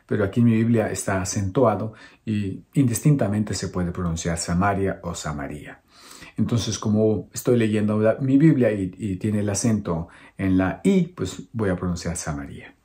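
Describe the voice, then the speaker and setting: A man, a priest, reading a Gospel passage aloud and stopping often to explain it in a relaxed, conversational sermon full of restarts and fillers. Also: lowish voice. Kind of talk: bible study sermon.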